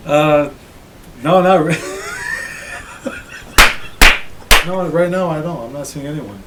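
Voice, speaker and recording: A man's voice: fairly high pitch, very animated, extremely slow, pauses often, noisy background. A man of about thirty co-hosting a casual podcast, laid-back and laughing readily. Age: 30s. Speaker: podcast co-host. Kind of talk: casual chat.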